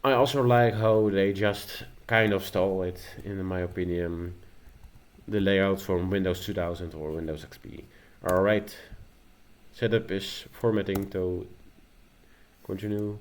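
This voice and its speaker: Deep-voiced and unhurried, with fairly even intonation, a man hosts a casual tech tutorial over a screen recording. Dutch is his first language, and his nervous, hesitant delivery is full of fillers and restarts.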